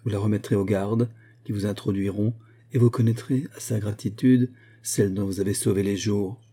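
Brief: a man voicing a grateful young noble lady, soft-spoken and tender, dark husky tone. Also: lowish voice, steady tone, moderate pace. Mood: gently embarrassed. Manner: gentle, emotional pleading.

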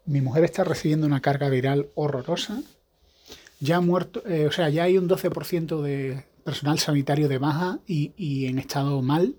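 A man's voice: a little high, moderate pace, darkish tone, slightly rough. A man hosting a podcast, talking in a rambling, casual monologue with frequent restarts. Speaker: podcast host; evangelical pastor.

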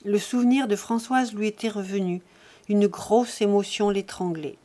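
A woman narrating a classic novel as an audiobook, in an even, measured storytelling voice. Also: mid-range voice.

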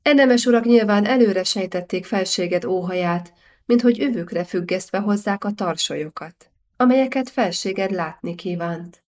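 Woman doing a proud young queen, sharp and ironic. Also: medium pitch, natural voice.

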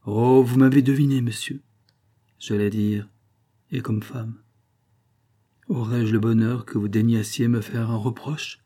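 A man's voice: fairly even intonation, a little slow, pauses often, warm tone, natural voice. A man reading an audiobook voices a proud, anguished young countess in a raised, tense, pleading tone. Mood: guarded. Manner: tense, pleading and high-pitched. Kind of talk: audiobook character voice.

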